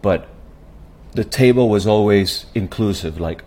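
A man with a very deep, low voice, speaking as a preacher on a podcast. He tells personal stories earnestly and reflectively, checking in with a frequent "right?". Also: a little slow, darkish tone. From Puerto Rico. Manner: earnest, with tag questions like "right?". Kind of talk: reflective personal storytelling in an interview.

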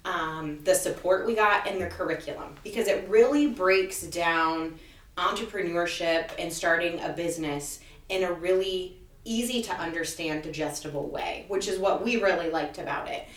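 A woman's voice: lowish voice, normal speed, a bit bright. Woman, chatty co-host, laughs easily, roomy echo, a bit far from the mic. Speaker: podcast co-host and program facilitator. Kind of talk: casual banter and explaining programs. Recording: echoey room, mic at a distance.

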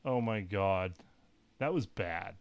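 A man's voice: low-pitched, takes it slowly, vocal fry, clean tone, lo-fi sound. A man co-hosting a casual podcast, trading playful jokes and laughing often. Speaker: podcast co-host.

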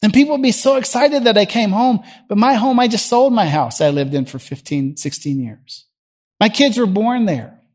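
A middle-aged Southern US man delivers a sermon from a church platform, his voice pitched fairly high for a man. He speaks to the congregation conversationally, posing questions, and his lively intonation swings from loud emphasis down to quiet at a normal speed.

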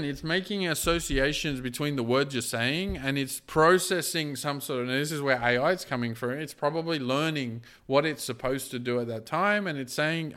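A man's voice: on the high side, fairly bright tone, clean tone. A man hosting a podcast, thinking aloud in a loose, exploratory casual monologue.

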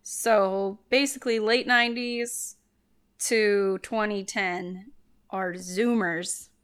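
A woman in her thirties co-hosting a podcast, chatty and quick to laugh in casual run-on talk. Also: medium pitch, steady tone, a bit bright, clean tone. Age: 30s. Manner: chatty, laughs easily, talks in loose run-on bits. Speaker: podcast co-host. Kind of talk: casual chat.

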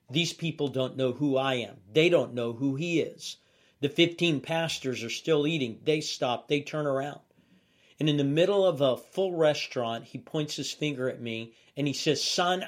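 A male pastor giving a motivational leadership sermon in a deliberate, measured way with pauses. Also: mid-range voice.

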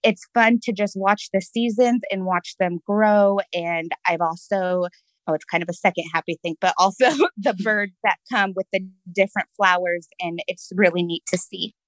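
A woman's voice: mid-range voice, normal speed, dry recording, poor audio. Cheerful woman guest, dry close sound. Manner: cheerful, positive, laughs often. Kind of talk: casual interview chat.

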